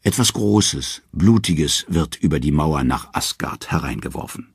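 Deep, gravelly man narrating an audiobook expressively, dry and close. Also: expressive, unhurried, dry recording.

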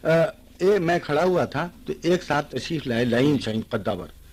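An older man, an interview guest, telling lively anecdotes and acting out the dialogue. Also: on the high side, slightly rough. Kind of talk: anecdotal storytelling. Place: radio studio.

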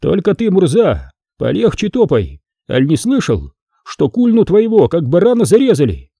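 Calm, sly old churchman, voiced by a male narrator; warm, husky, lively. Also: high voice, moderate pace, no echo, pitched above the performer's own voice, heavily acted. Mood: calm mocking. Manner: calm, mildly mocking. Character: old grey-browed church leader, calm and shrewd.

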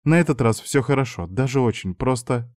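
A man's voice: medium pitch, lively intonation, fairly quick, darkish tone, no echo, clean studio sound, pitched above the performer's own voice, natural voice. A man voicing a diligent, shy young woman student in a read-aloud story, speaking in an apologetic, earnest way.

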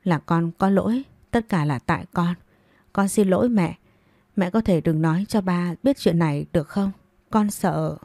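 A woman's voice: on the low side, no room sound. Woman voicing a frightened pleading young daughter. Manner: soft, slow, tearful pleading.

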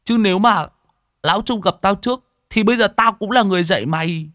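A man's voice: high voice, fast, fairly bright tone, no room sound, clean studio sound, pitched above the performer's own voice. A man voicing a cocky, food-obsessed young man in an audio story, bragging and teasing. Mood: boastful. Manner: boastful, teasing.

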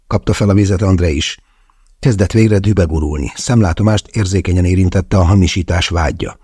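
A man's voice: low voice, mellow, slightly rough, dry recording. A man reading a first-person novel aloud, wry and confessional, close to the mic. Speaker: audiobook narrator. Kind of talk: first-person audiobook narration.

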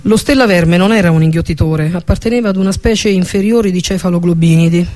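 A man narrating a fantasy audiobook with a steady, even reading manner. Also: high voice, fast talker, soft background music. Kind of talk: scripted narration of a fantasy novel.

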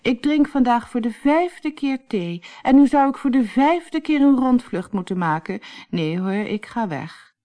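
A woman's voice: a little high, very animated, unhurried, mellow, dry recording, clean studio sound, pitched above the performer's own voice. A woman voicing a bored, grand, famous witch with a weary, drawling way of talking in a storybook reading.

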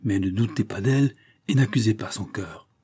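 A man reading an audiobook, voicing a resolute old grandfather who reasons in a measured, firm way. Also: on the low side, warm tone, breathy edge. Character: grave, resolute grandfather, protective and calm.

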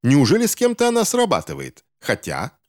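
A man voicing a smug, scheming villain of a gentleman, sneering and contemptuous in an audiobook reading. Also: a little high, wildly swooping pitch, a little fast, no echo, clean studio sound, pitched above the performer's own voice.

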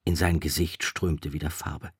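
A man narrating a novel in a measured, steady storytelling voice. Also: extremely low pitch, slightly rough, no room sound, studio quality.

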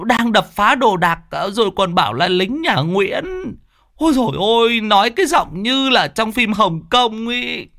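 A man voicing a loud, frantic village woman in her fifties, pleading and sobbing for help. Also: sits high, expressive, a little slow, voice pushed up, full character voice. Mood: pleading wail. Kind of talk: storytelling voice acting.

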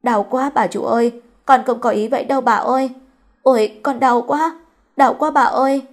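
Brief: woman doing a meek young maid, quiet, pleading and apologetic. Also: on the high side, moderate pace, close to an everyday voice. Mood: crying. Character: timid young female servant girl, meek and tearful.

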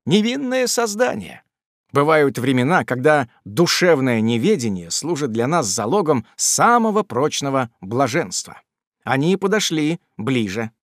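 A man narrating a classic novel as an audiobook in an expressive storytelling manner. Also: mid-range voice, measured pace, dry recording, studio quality.

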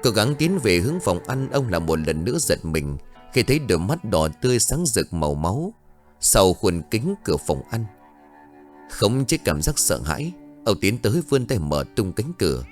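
Deep-voiced man telling a ghost story. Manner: dramatic, suspenseful. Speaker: narrator. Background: faint music.

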